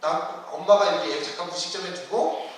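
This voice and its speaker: High-voiced young preacher in an echoey hall. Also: male voice, fairly quick. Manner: conversational preaching with questions to the congregation. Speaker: youth ministry preacher. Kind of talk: sermon. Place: church sanctuary. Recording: roomy hall, distant mic.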